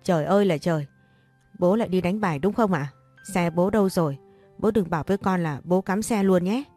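A woman's voice: on the low side, normal speed, dark tone, soft background music, natural voice. A woman voicing an exasperated young married daughter who sharply scolds her father.

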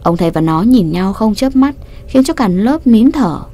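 A woman reading a romance novel aloud as an audiobook narrator, in a calm, even storytelling voice. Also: on the high side, normal speed. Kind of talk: scripted narration.

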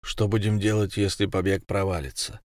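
A man's voice: low voice, fairly even intonation, moderate pace, a little mellow, no room sound, clean studio sound, lightly acted. A man voicing a guarded ex-marine prisoner who asks wary questions.

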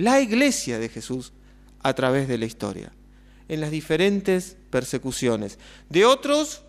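A man preaching with a Rioplatense accent, his voice sitting a bit higher than most men's. He takes his time, unhurried and deliberate, and keeps posing rhetorical questions to the congregation. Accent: Rioplatense Spanish. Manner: measured, asks many rhetorical questions. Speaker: pastor. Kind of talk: sermon.

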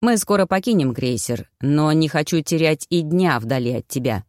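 A woman voicing a calm, gently teasing male werewolf lover in an audiobook. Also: deep voice, normal speed, no echo, clean studio sound.

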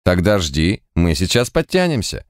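A man's voice: deep voice, very animated, moderate pace, no room sound, studio quality. A man voicing a laid-back, teasing male squad leader in an audiobook. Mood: wry. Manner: offhand, teasing.

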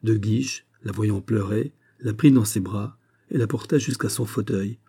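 A man narrating a classic novel as an audiobook, in measured, expressive storytelling. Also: on the low side, slightly rough.

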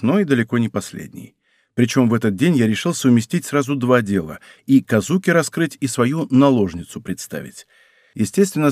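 A man narrating a first-person story as an audiobook, in an expressive, conversational way. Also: mid-range voice, no room sound, clean studio sound.

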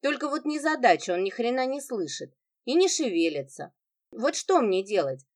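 A woman's voice: on the high side, very animated, normal speed. A woman reading an audiobook, voicing a venomous, mocking wife who speaks with biting sarcasm.

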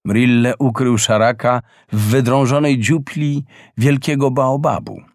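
A man narrating a fairy tale in an expressive, unhurried reading. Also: medium pitch, dry recording, studio quality. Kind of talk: storybook narration.

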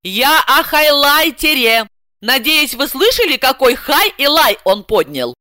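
A woman doing a shrill bossy housewife. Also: very animated, normal speed, pushed and bright, no echo, clean studio sound, full character voice. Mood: outraged. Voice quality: shrill, indignant, fussy. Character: bossy excitable middle-aged housewife.

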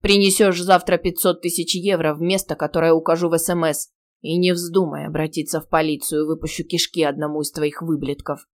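A woman reading an audiobook who voices a threatening male attacker in a hoarse, deliberately disguised deep voice. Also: steady tone. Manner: threatening, low and clipped.

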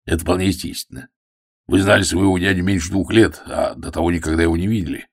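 A man's voice: low voice, fairly even intonation, quick pace. A man voicing a taciturn middle-aged big game hunter who speaks bluntly and awkwardly.

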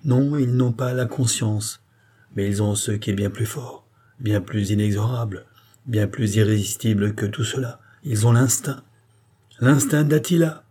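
A man's voice: lowish voice, unhurried, dark tone, breathy edge. A man reading the part of a cold, scheming male occultist in an audiobook, with a sweeping, relentless oratorical delivery. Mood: grandiose.

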